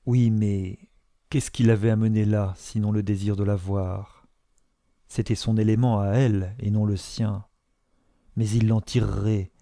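A man reading a classic novel aloud in a measured, literary way. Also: on the low side, dark tone, dry recording, studio quality. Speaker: narrator. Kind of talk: audiobook narration.

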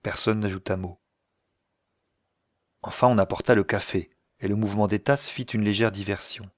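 Low-voiced man reading a novel. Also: steady tone, moderate pace, no room sound, clean studio sound. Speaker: audiobook narrator. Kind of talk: scripted narration.

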